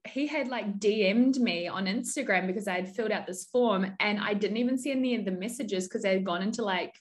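Female co-host, mid-pitched voice, chatty and meandering. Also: brisk. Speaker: podcast co-host. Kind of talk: casual chat.

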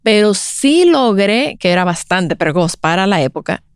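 Casting note: woman, 40s, lively storyteller in an interview, dry close sound. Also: mid-range voice, normal speed, smooth, no echo. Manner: animated, acts out quoted voices. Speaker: guest speaker on breastfeeding.

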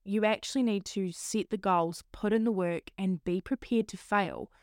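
Clear, slightly croaky woman podcast host. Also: mid-range voice, normal speed, no room sound, studio quality. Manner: encouraging, earnest. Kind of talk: solo motivational podcast talk.

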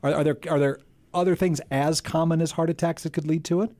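Brief: middle-aged male podcast host, bright-ish voice, dry studio sound, chatty, stumbling. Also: fairly high pitch, fairly even intonation, quick pace, no room sound. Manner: friendly, stumbling restarts, chuckles. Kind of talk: casual interview.

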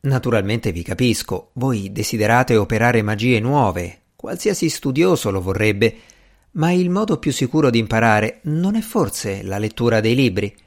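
A man reading the part of a cautious older gentleman politician in an audiobook, calm and mildly scolding. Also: mid-range voice, normal speed.

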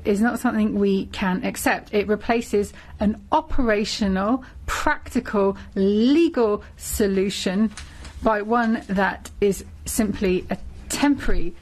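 A woman speaking in a live interpreter voice, rendering a parliamentary speech as it is given, in measured phrases. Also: medium pitch.

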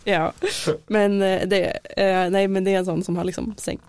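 A woman co-hosting a podcast at a middle pitch. She chats casually and hesitantly, with many fillers. The sound is dry and close. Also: level tone, darkish tone, smooth, dry recording. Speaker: podcast co-host. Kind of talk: casual chat.

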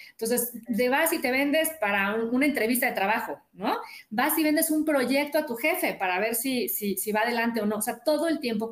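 Upbeat woman in an echoey room. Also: fairly high pitch. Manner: upbeat, tells stories with quoted dialogue. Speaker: guest author and sales coach. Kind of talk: casual interview chat. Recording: roomy echo.

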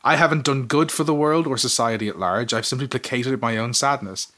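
A man's voice: mid-range voice, fairly quick, pushed and bright. A man co-hosting a casual chat, reading out his essay with earnest, self-mocking energy. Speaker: podcast co-host.

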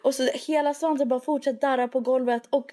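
A woman's voice: high-pitched, fairly even intonation, dark tone. A young woman co-hosting a podcast in casual chat, giggly and mixing Swedish with English. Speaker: podcast co-host.

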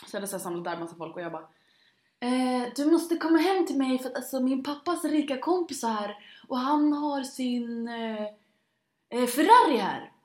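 Young woman chatting, kinda high voice, animated, does all the voices, echoey room. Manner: animated, acts out quotes, laughs often. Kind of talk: casual chat, storytelling.

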